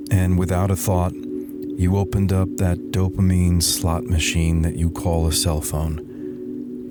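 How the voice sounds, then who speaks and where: Man playing Lloyd Dobler, slow deep meditation guru. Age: middle-aged. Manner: deadpan, slow, soothing delivery with deliberate pauses. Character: middle-aged wry, weary slacker turned satirical meditation guru. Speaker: meditation guide. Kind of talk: satirical guided meditation narration over music. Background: soft background music.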